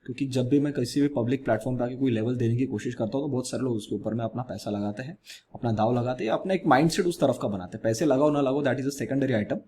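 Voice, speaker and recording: A man with an Indian accent hosting a weekly market analysis, talking in a measured, explanatory way and speaking softly into a close mic. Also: medium pitch, husky. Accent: Indian English. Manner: measured, explanatory, mixes English phrases into Hindi. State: speaking softly due to ear injury. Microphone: close mic with gain raised.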